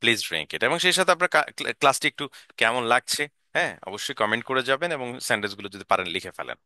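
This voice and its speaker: Lively Bengali-speaking man teaching English. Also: medium pitch, fast, dry recording, clean studio sound. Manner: repeats Bengali sentences then English, drilling learners; asks learners to repeat after him. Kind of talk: spoken English lesson.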